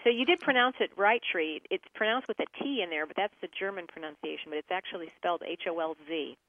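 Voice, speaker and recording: A woman guest talks in a relaxed, friendly way, full of little fillers. She comes through a tinny, narrow phone line. The sound is dry and close. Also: on the low side, quick pace, no echo. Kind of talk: casual radio interview over the phone. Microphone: telephone.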